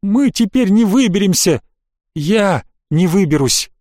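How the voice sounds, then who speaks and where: A man's voice: extremely high pitch, sing-song, moderate pace, dry recording, clean studio sound, voice pushed up. A man voicing a scared, whiny young boy in an audiobook, with a plaintive, wailing delivery. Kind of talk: audiobook character voice.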